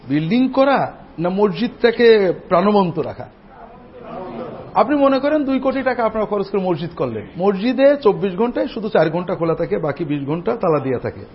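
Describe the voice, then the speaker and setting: Imam giving friday sermon, high voice, dull lo-fi sound w faint hiss. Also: male voice. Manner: teaching, addressing the congregation directly; slow chanted Arabic opening. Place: mosque. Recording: dull lo-fi recording with faint noise.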